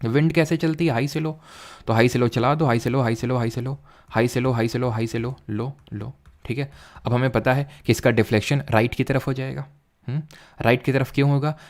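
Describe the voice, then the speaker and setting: A man's voice: medium pitch, steady tone, brisk, a little mellow. A man teaching an exam-prep geography lesson, explaining while he draws and repeating key terms.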